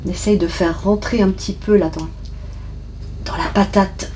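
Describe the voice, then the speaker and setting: A woman's voice: mid-range voice, steady tone, moderate pace, darkish tone, slight background noise. A woman hosting her own cooking channel, chatting directly to viewers as she walks through a recipe step by step. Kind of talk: casual recipe narration.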